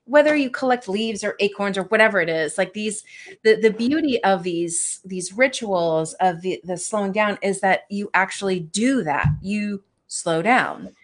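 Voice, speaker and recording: Woman host, casual and reflective, animated storyteller. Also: medium pitch, normal speed. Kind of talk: casual chat.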